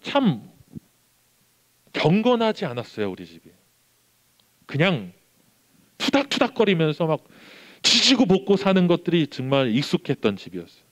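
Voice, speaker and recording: A man's voice: a little high, normal speed, long pauses. A young male pastor giving a sermon to a youth group, telling a family story and acting out the voices in it. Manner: animated storytelling, acts out quoted voices.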